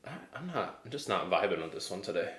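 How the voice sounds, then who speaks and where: A man's voice: low-pitched, sing-song, fast, a bit bright, roomy sound, a little hiss or hum. An American man chatting casually as he reviews a tasting, hesitant and thinking aloud. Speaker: whiskey reviewer.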